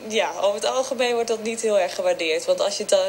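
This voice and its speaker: A woman speech therapist answering radio interview questions, explaining calmly with frequent filler hesitations. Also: mid-range voice, fast, slight background noise. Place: café.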